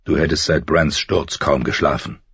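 A man voicing an earnest young noble son, calm and protective, speaking low and gently. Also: moderate pace, vocal fry, breathy edge, dry recording, lo-fi sound, heavily acted. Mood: soothing.

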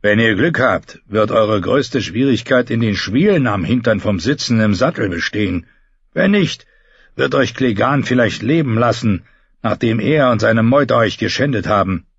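A man's voice: lowish voice, animated, moderate pace, slightly rough, no room sound, dull audio. A man reading an audiobook, voicing a harsh, scornful lord who speaks in a cutting, commanding way. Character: harsh scornful older male lord, contemptuous.

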